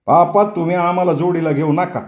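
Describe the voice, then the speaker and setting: Give me a man voicing a stubborn, earthy village farmer in a storybook, speaking slowly and firmly. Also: high-pitched, fairly even intonation, echoey room, highs cut off, pitched above the performer's own voice, natural voice. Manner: slow, emphatic village dialect.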